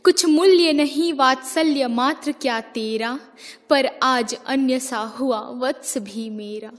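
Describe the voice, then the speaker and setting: A woman voicing a remorseful queen mother, slow and high. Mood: anguished. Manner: impassioned, measured verse recitation. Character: remorseful queen mother pleading before court. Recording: long hall reverb.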